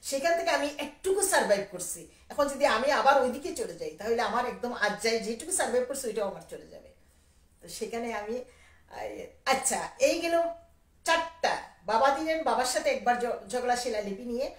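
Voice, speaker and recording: A woman poet from Sylhet tells her memories in a loose, animated way, often slipping into quoted dialogue. Her voice sits a little high. She sounds set back from the mic in an echoey room. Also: moderate pace, far from the mic. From Sylhet, Bangladesh. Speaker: poet and writer. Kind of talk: casual reminiscing monologue on a live video.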